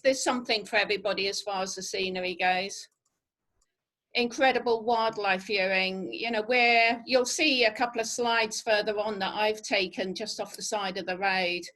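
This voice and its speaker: A middle-aged woman with a Norfolk English accent presents as a travel specialist in a webinar. Her voice sits at an ordinary middle pitch for a woman. She talks informally through slides, chatty and full of little asides to the people listening. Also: a bit bright, rough recording.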